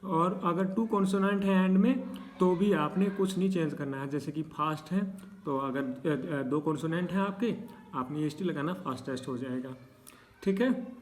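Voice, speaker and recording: Guy teaching a spelling lesson, slightly high voice, patient, keeps checking in with students. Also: normal speed, slight background noise. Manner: patient, repeats checks like "okay" between examples. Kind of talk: explaining spelling rules to students.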